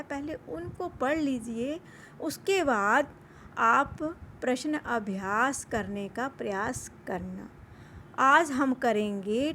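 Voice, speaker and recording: A woman's voice: high-pitched, a bit bright, a little hiss or hum. A woman teaching an online lesson, repeating each word for pronunciation and mixing English words into her explanations.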